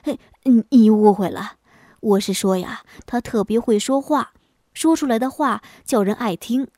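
A lady doing a chatty scholar husband from an old folk tale, gushing, kinda high, dry sound. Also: normal speed, mellow, no echo, lightly acted. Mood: admiring. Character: scholar husband, talkative, easily impressed.

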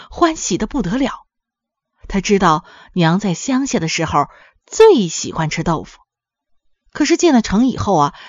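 A woman narrating a folk story in an expressive, sing-song storybook manner. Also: medium pitch, no echo, muffled recording.

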